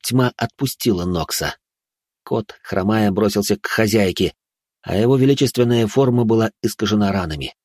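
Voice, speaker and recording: A man narrating a dark fantasy story in a hushed, ominous tone. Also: on the low side, normal speed, no room sound, clean studio sound. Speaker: audiobook narrator.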